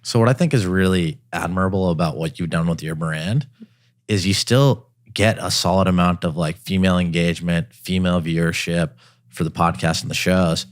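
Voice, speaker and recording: Male podcast host, very deep voice, rapid delivery, dry close mic. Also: dry recording. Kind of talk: interview chat.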